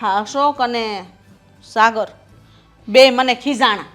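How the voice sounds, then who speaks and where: An actress playing a mother-in-law who scolds and tries to calm her two quarrelling daughters-in-law. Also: fairly high pitch, takes it slowly, soft background music. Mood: exasperated. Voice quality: scolding, exasperated. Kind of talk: village family drama acting.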